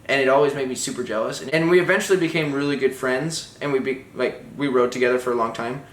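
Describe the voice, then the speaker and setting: A young man telling his side of a story in a casual couple's chat, relaxed and rambling, with lots of "like". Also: mid-range voice, fast. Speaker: vlogger, BMX rider. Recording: echoey room.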